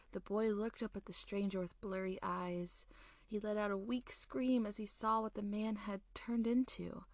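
A woman narrating a scripted spooky folktale as a storyteller, in a folksy, unhurried manner. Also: medium pitch, no echo. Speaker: storyteller, show host.

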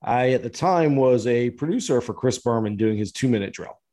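A man co-hosting a podcast, telling a long story in a relaxed, chatty way with frequent laughter. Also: mid-range voice, normal speed. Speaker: podcast co-host. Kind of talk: casual chat, storytelling.

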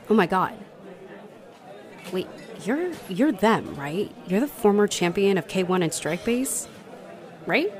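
A young woman voicing a bubbly female bartender who is a starstruck fight fan, gushing, apologizing and laughing nervously. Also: fairly low pitch. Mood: starstruck, flustered. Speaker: roleplay voice performer. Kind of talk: audio roleplay acting.

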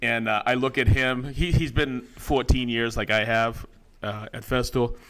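A middle-aged man co-hosting a casual podcast, animated and quick to laugh. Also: medium pitch. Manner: animated, laughs loudly and often, reads comments in mock voices. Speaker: podcast co-host. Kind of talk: casual chat.

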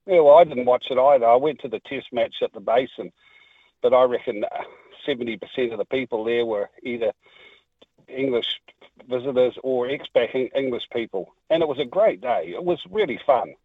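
A man's voice: mid-range voice, normal speed, husky, no echo. A man with a New Zealand accent calling in to a talkback radio show over the phone and chatting in a rambling way. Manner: rambling, with restarts. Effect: heard over the phone. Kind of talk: casual phone-in chat. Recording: dry tinny phone line.

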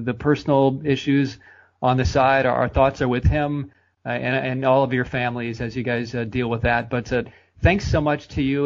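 Fast-talking American man hosting a podcast. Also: mid-range voice, dull audio. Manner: friendly, fast-talking, repeats words. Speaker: podcast host. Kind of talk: podcast interview and sign-off.

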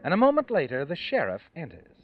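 A man's voice: on the high side, wildly swooping pitch, quick pace, no room sound, faint music behind. A man playing a sinister, all-knowing narrator who taunts the guilty in a 1940s radio suspense drama. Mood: sinister, taunting. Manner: taunting, knowing, theatrical second-person address. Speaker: story narrator. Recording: dull, lo-fi vintage radio recording.

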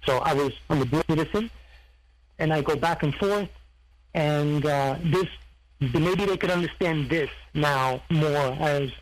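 A man from Serbia who tells his story in a halting, rambling interview style, searching for words as he goes. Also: fairly high pitch, rough recording. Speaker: guest, former heist crew member.

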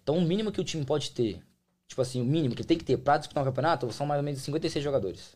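A man's voice: on the high side, expressive, very fast, a little mellow. A man with a Brazilian Portuguese accent, explaining American football in slangy, casual interview talk as a player and guest. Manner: slangy, colloquial, explains with examples.

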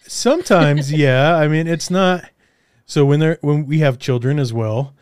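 A man's voice: a little high, unhurried, a little mellow, clean tone, no room sound. Hesitant man hosting, dry close sound. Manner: hesitant, hedging with "I mean". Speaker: podcast host interviewer. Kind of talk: casual interview chat.

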